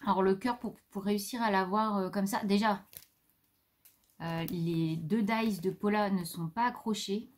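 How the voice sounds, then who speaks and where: A woman from France talks a little slowly at a medium pitch while showing off her new craft supplies in a relaxed haul video. She rambles some and pauses to talk to her pet; faint noise can be heard.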